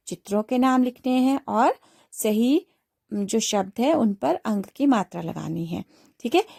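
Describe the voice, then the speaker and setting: A woman's voice: mid-range voice, vocal fry, mellow, dry recording, clean studio sound. A woman teaching a primary school phonics lesson, sounding out each word syllable by syllable for young students. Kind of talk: slow spelled-out phonics lesson.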